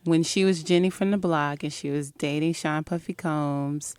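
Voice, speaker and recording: A woman co-hosting an entertainment podcast, reading promos in a measured way and chatting about celebrities. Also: deep voice, fairly even intonation, darkish tone, smooth, no echo. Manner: reads show promos in a measured way. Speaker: podcast co-host. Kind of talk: casual podcast chat.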